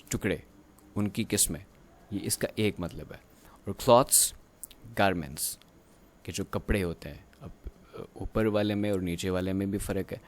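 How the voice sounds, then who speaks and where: A man teaching a grammar lecture. He explains slowly and haltingly, with drawn-out pauses, and reads textbook lines aloud in English. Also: low-pitched, a little mellow.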